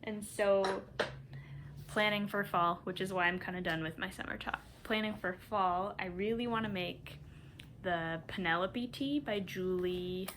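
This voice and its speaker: A woman from Minnesota chats casually through her knitting podcast, rambling from one thought to the next. She talks at an ordinary middle pitch and laughs softly now and then. A faint hum of background noise sits under her voice. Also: measured pace. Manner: chatty and rambling, with soft laughs. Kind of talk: casual chat.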